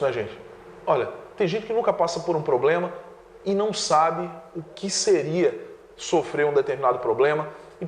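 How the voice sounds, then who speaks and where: A man's voice: sits high, roomy sound, long reverb tail. A male teacher explaining exam answers step by step, often checking in with "né?". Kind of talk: exam prep lesson.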